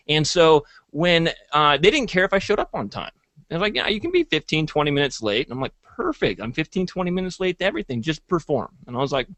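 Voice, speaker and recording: A man's voice: a little high, fairly bright tone, no room sound. A young man casually telling a rambling, profane story as co-host of a sales talk. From Hawaii.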